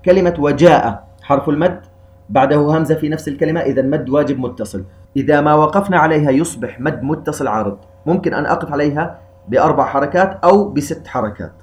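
A man's voice: a little high, darkish tone. Methodical man teaching recitation rules. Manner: methodical, explains step by step with rhetorical questions.

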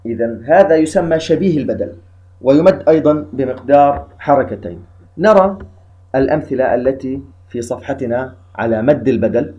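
A man teaching a lesson on recitation rules, explaining each step slowly and chanting the verses he cites. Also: mid-range voice, expressive, dark tone, muffled recording.

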